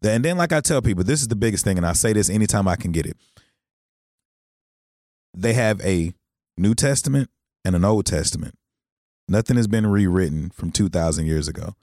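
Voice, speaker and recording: Blunt, low-voiced man talking casually. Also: lively intonation, fairly quick, long pauses, a little mellow, no echo, clean studio sound. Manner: blunt, emphatic, peppered with swearing and slang. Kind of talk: casual opinionated conversation.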